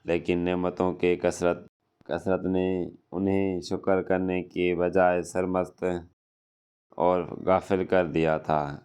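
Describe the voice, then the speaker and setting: A man telling a religious story in a measured and solemn way. His voice sits very low and stays level, with little movement. It sounds smooth and clear. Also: darkish tone. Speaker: narrator.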